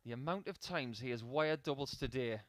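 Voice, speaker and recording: Male sports commentator, mid-pitched, casual storytelling between throws, dry studio-like sound. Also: brisk, dry recording. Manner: chatty, anecdotal, mixing stats with asides. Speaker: darts commentator.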